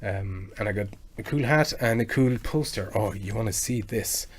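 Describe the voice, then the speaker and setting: Low-voiced Frenchman chatting on a stream. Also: moderate pace. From France. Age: 40s. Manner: chatty, rambling, with frequent bursts of excitement. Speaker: live stream host and game music cover artist. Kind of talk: casual live-stream chat, answering viewers.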